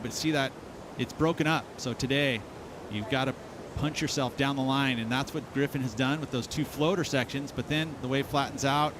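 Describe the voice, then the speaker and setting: A man giving live analysis of a surf contest in a conversational, explanatory way. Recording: clear outdoor rumble and noise.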